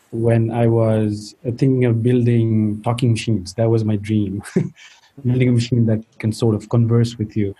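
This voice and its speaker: Mellow, husky-voiced man from Nepal. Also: medium pitch, low-quality recording. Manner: hesitant, many "uh" fillers and restarts, throat clearing. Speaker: guest, tech company founder. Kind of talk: interview answers.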